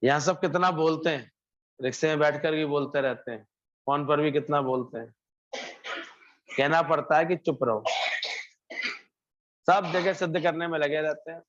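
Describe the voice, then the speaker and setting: Heard on a muffled lo-fi recording, a satsang preacher with a fairly high pitch speaks at normal speed, his intonation fairly even and broken by long pauses. His devotional sermon is a parable, with characters' lines performed aloud and phrases repeated for emphasis.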